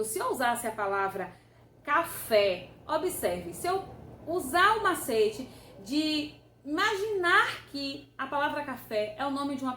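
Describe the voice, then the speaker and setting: A woman's voice: high voice, sharp tone, a little hiss or hum. A woman teacher, patiently explaining a grammar revision lesson and often checking that the listener follows. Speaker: Portuguese teacher. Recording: roomy echo.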